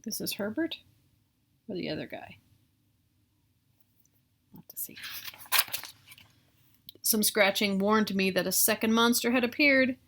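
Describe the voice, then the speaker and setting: A middle-aged American woman reads a picture book aloud in a small room at home, tossing in casual asides. Her medium-pitched voice is unhurried and a bit bright, she pauses often, and there's a little hiss or hum.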